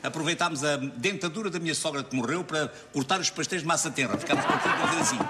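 An actor playing a boastful, bumbling middle-aged café owner, speaking with a blustering comic delivery. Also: male voice, fairly high pitch, very fast, big-room sound, very noisy, close to an everyday voice. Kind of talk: sitcom acting.

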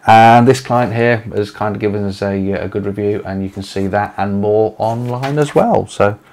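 Low-voiced English man rambling at desk. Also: normal speed, a little mellow, a little hiss or hum. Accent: English, East Midlands. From England. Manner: rambling, filler-heavy, restarts often. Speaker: letting agency owner. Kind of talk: casual walkthrough to camera. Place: small home office, indoors.

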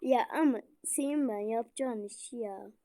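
A young woman playing a game with a friend, needling and teasing her and counting the seconds out loud. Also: a little high, moderate pace. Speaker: gamer. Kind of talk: casual gaming banter.

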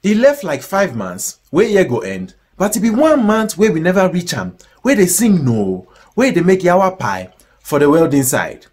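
Animated Ghanaian man reading comic Pidgin news. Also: high voice, moderate pace, husky. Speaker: news presenter.

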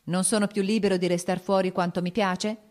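A woman's voice: medium pitch, flat delivery, fairly quick, a little mellow, lightly acted. A woman voicing an irritable, evasive nobleman husband in an audiobook reading. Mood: defensive. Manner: irritable, snapping. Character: curt, evasive nobleman husband, quick to shout.

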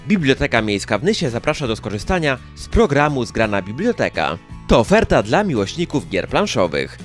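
This man narrates a local news chronicle from a script in a sing-song, medium-pitched voice, a little fast. Background music runs under his newsreel reading.

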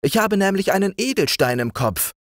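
A man voicing a timid, eager young frog king in a storybook reading, in a raised, excited voice. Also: high voice, normal speed, no echo, clean studio sound, voice pushed up.

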